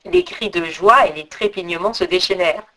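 A woman narrating a fairy tale aloud, expressive and speaking straight to her listeners. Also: on the low side, moderate pace, low-quality recording. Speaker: storyteller. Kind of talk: storybook narration.

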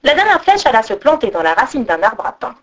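A woman reading a folk tale aloud as storyteller, expressive, with sung-out sound effects. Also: fairly high pitch, quick pace. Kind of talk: storybook narration.

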